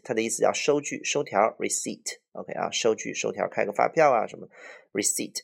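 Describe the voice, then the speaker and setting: A man's voice: lowish voice, gravelly. A man teaching English vocabulary in Chinese, going through words one by one and often adding "OK啊". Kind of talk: vocabulary lesson.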